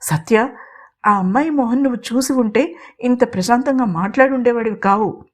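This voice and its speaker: A woman's voice: fairly high pitch, normal speed, natural voice. Woman voicing a furious, hurt mother. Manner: sharp, reproachful questioning. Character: angry, hurt middle-aged mother.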